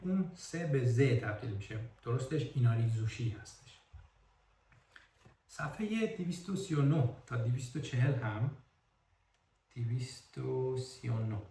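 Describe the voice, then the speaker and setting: A man's voice: mid-range voice, mellow, distant mic, slight background noise. A man giving a casual spoken book review, talking carefully, correcting himself and spelling out words. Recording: roomy echo, from off the mic.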